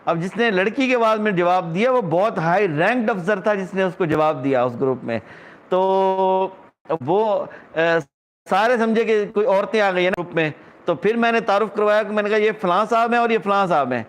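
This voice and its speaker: A middle-aged man from Pakistan, talking in a casual vlog monologue, ranting with scorn and indignation. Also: high-pitched. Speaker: vlogger.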